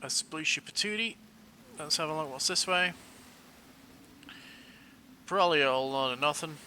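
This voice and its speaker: A man's voice: a little high, normal speed, bright, forceful tone, slight background noise. A man streaming a video game, chatting casually and playfully, coining silly words as he plays. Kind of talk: casual gameplay commentary.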